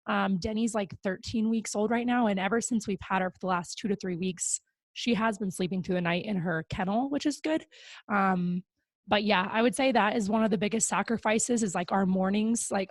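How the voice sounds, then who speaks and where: A woman's voice: mid-range voice, no room sound. A young adult woman hosting a podcast in casual chat, upbeat and talkative with plenty of fillers. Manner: upbeat and chatty, with frequent fillers. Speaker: podcast host. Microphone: close podcast mic.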